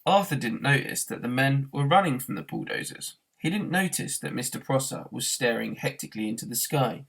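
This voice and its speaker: A man with a gravelly, medium-pitched voice reads a novel aloud at a fairly quick clip. He narrates expressively, much as a teacher would for a classroom.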